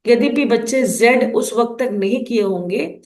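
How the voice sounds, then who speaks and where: A woman's voice: a little high, measured pace, a little mellow, echoey room. A woman explaining phonics rules to teachers in an instructional lesson, sounding out letters one at a time.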